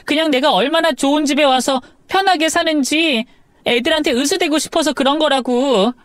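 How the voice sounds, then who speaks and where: A woman's voice: high voice, moderate pace, dry recording, studio quality, close to an everyday voice. A woman playing a flustered stammering wife. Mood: pleading. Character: young wife, defensive then pleading, flustered. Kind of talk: drama audio story.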